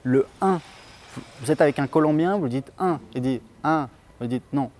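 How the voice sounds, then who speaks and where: A man's voice: mid-range voice, a little fast, a little mellow. A man whose first language is French, giving a casual spoken lesson as a channel host, talking loosely with many hesitations. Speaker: English teacher and channel host.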